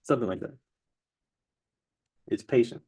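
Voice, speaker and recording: A man's voice: measured pace, a little mellow. Male tarot teacher, loose conversational explainer, meandering with fillers. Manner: loose, rambling, many fillers. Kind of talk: casual explainer lesson.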